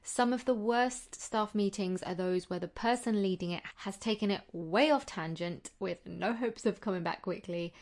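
A middle-aged woman hosting an upbeat advice vlog, chatty and reassuring, setting out organised tips as an experienced teacher. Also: mid-range voice. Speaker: teacher giving advice as host.

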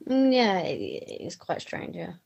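A woman's voice: lowish voice, sing-song, moderate pace, gravelly, darkish tone, husky. Woman, easygoing podcast cohost, short chill replies about tv. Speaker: podcast co-host. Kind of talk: casual chat about TV shows.

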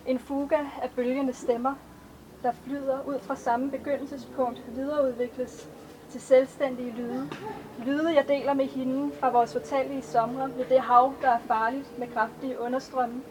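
A woman reading her own poems aloud at a live event, in a slow, measured recital. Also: sits high, level tone, noisy background. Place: outdoor festival stage.

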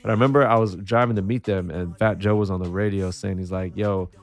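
A man co-hosting a casual chat about hip-hop, quick and joking, fond of playful trolling. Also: low voice, steady tone. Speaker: podcast co-host.

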